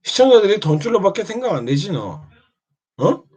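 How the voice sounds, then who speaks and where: A man's voice: high-pitched, big pitch swings, fairly quick, darkish tone, husky. A man taunting and scolding another streamer in a mocking monologue, prodding again and again with short questions. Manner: needling, keeps prodding with "eh?". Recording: dull lo-fi sound.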